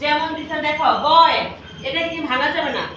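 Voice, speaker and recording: A woman's voice: high voice, fairly even intonation, normal speed, a bit bright, highs cut off. A woman teaching a classroom lesson, asking questions and repeating answers for pupils to echo. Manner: repetitive, drills pupils with questions. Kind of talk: classroom lesson with call-and-response. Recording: echoey classroom from far off, noisy.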